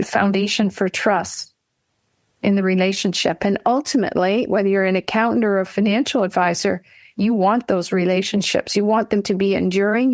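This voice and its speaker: A woman speaks as a guest on an interview podcast, explaining her views in a measured, persuasive way. She builds her points in repeated lists, at an ordinary middle pitch. The recording is dry and close. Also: no room sound. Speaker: guest, financial advisor trainer. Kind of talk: interview conversation.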